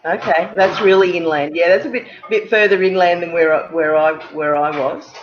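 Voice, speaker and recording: Halting Australian woman on a video call. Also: fairly low pitch, a little hiss or hum. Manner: halting, many fillers and repeated words. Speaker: guest. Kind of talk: casual interview chat. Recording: muffled lo-fi video-call audio.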